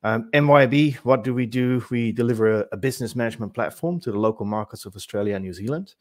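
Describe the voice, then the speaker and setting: A man from the Netherlands talks through a webinar presentation at a relaxed conversational pace, often pausing on fillers and correcting himself. His voice sits on the low side and the recording is dry and close, as from a call microphone. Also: dry recording. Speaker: webinar speaker. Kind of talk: presentation talk.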